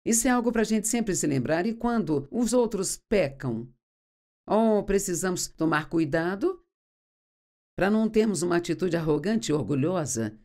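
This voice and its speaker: A woman's voice: lowish voice, lively intonation, normal speed, darkish tone. A woman giving an earnest sermon teaching as a dubbed voice-over, reading scripture aloud and explaining it. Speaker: Bible teacher.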